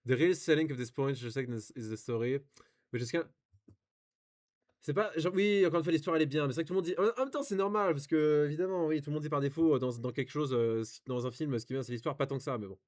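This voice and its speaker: A man's voice: on the high side, fast talker, darkish tone. A young man with a French accent, reading and commenting on reviews in casual, rambling chat full of fillers and restarts.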